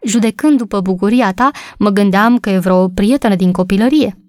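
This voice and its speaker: A woman's voice: mid-range voice, a little mellow, no room sound, studio quality, close to an everyday voice. A woman doing a teasing young husband. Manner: joking, easygoing.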